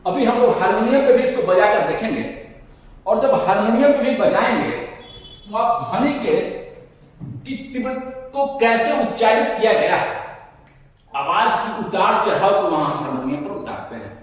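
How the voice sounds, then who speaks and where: A man teaching songwriting, singing lines slowly and then explaining them in quick spoken bursts. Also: sits high. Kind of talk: music lesson, explaining and singing song lines. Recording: echoey room, distant from the mic.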